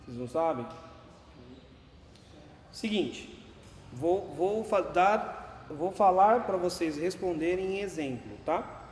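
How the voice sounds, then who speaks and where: A man's voice: sits high, expressive, slow, pauses often, a little mellow. A man teaching a music class, patiently explaining dynamics while counting beats and singing note names. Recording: echoey classroom with long reverb, faint room noise.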